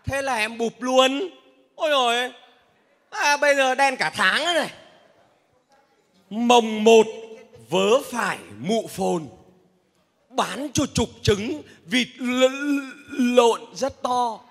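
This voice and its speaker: Loud bright-voiced comic man in a hall. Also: extremely high pitch, slow pace, pauses often. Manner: loud, boastful, bantering. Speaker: xe om driver in a comedy sketch. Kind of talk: stage comedy sketch. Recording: reverberant hall.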